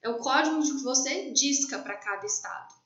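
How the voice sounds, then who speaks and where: A woman teacher with a Brazilian Portuguese accent, explaining a lesson and slowing down to stress key terms. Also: high-pitched, a bit bright. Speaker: English teacher. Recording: echoey, distant, dull lo-fi.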